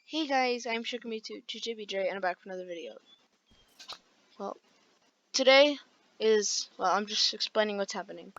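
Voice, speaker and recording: A woman's voice: medium pitch, normal speed, pauses often, dull audio. A woman with a groggy voice, rambling through casual gameplay commentary with lots of fillers. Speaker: gaming video creator.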